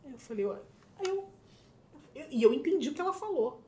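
Lively Brazilian storyteller woman, laughing. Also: high-pitched, quick pace. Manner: expressive, laughing, acts out quotes. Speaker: guest. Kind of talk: animated storytelling in casual chat.

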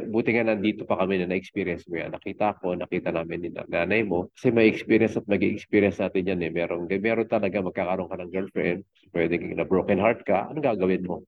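A middle-aged man, a fitness coach and father, talking as a guest in a casual interview, rambling with many fillers and restarts. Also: low voice. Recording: tinny phone-like line.

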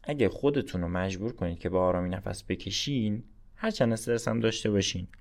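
A man's voice: on the low side, vocal fry, a little mellow. A man hosting a podcast, giving informal advice in a chatty, coaching way and often checking in with the listener. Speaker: podcast host.

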